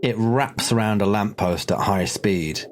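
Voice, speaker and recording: Man, game master, low voice, dry, wry narration. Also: measured pace, a little hiss or hum.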